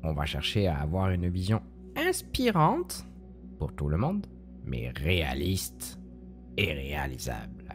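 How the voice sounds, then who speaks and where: A woman's voice: extremely low pitch, huge pitch swings, measured pace, faint music behind. A woman presenting a scripted, playful explainer in a theatrical, teacherly manner. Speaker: podcast presenter.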